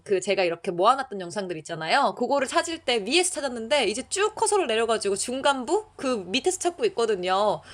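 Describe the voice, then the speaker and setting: A young woman runs an online language lesson with plenty of encouragement. Her voice sits a little high and swings up and down a lot. She slows right down whenever she reads a practice sentence aloud. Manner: lively, encouraging, reads Chinese lines slowly for learners. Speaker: Chinese language teacher.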